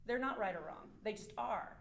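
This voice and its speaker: A woman's voice: a little high, animated, normal speed, creaky, a bit bright. Woman, discussion leader, asks the group questions, echoey studio.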